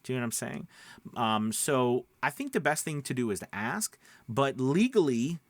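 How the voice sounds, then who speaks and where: A voice-over coach and channel host talks to camera, giving casual advice in a medium-pitched voice with lively intonation and a moderate pace. Conversational and emphatic, he often asks rhetorical questions to check his viewers are following. There's no echo.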